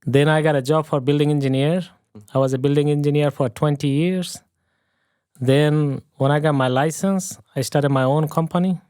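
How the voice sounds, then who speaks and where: Man from Bangladesh, middle-aged, broken English, earnest storyteller, higher voice, dry sound. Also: steady tone, moderate pace, a little mellow, clear, resonant tone, dry recording. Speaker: guest, plumber and real estate investor. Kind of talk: casual interview chat.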